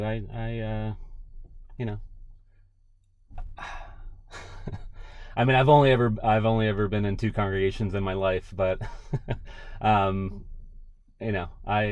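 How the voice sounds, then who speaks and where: Low male voice, earnest and conciliatory, hesitant delivery, secretly recorded on a hidden mic. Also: a little mellow, clean tone, no echo. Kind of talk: halting, earnest private conversation. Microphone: hidden recorder worn by speaker.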